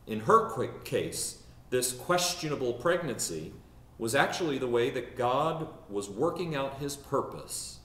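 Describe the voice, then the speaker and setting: Lively-voiced priest giving a homily. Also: male voice, mid-range voice, echoey room, recorded from a distance. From not from the South of the United States. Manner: storytelling with mimicked quotes and drawn-out words.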